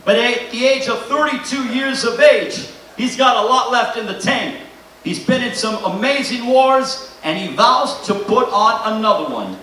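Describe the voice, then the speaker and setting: A man's voice: extremely high pitch, animated, normal speed, bright, forceful tone. A man hosting a boxing press conference, introducing fighters with a showy ring-announcer delivery. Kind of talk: boxing promotional introduction to an audience. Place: large echoey press conference room. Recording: echoey hall, distant mic, faint noise.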